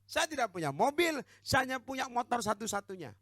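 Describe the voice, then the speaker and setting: An Indonesian man preaching with a high, bright, lively voice that leaps up and down in pitch. He calls for amens and teases his listeners, recorded dry and close. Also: a little fast, dry recording. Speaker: pastor. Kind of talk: sermon.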